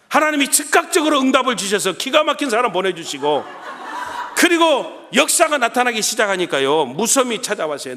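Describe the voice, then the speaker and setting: A middle-aged male pastor preaches at a revival meeting with a high, lively voice that leaps up and down as he acts out his prayers. He keeps turning to the congregation as he tells his story. The sound carries a long reverb from the church hall. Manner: animated, acts out his own prayers and shouts; addresses the congregation often. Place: church sanctuary.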